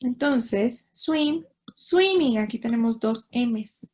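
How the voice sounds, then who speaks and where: A woman with a Mexican Spanish accent, an English teacher explaining grammar step by step in an online class, pausing to check that students follow. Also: a little high, animated, a little mellow. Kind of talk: online class, reading and explaining in two languages.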